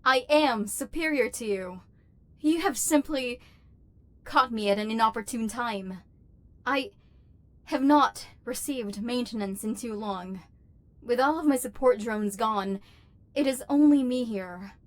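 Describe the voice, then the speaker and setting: Speaking a little slowly in a slightly high voice, a woman plays a haughty robot overlord in an ASMR roleplay, delivering a dramatic villain monologue in formal, machine-like phrases. The character despises humans and sounds threatening but is secretly lonely. The acting is light and the recording is dry.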